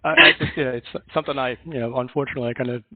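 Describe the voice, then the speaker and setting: A man's voice: medium pitch, fairly even intonation, racing, heavy background noise. A man with a Philadelphia accent, a librarian giving a chatty, rambling workshop presentation on a video call. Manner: chatty, rambling, self-correcting. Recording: dry, tinny phone-like audio.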